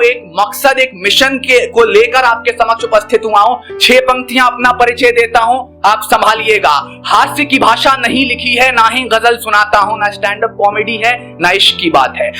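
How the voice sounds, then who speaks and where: A male poet declaiming patriotic verse live on stage before an audience, impassioned and shouting his lines. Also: extremely high pitch. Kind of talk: live stage poetry recital.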